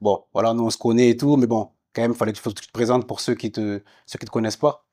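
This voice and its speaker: This French former footballer, now a podcast host, keeps a casual sports interview chat going despite frequent fillers and restarts. He talks quickly in a mellow, medium-pitched voice with a steady tone.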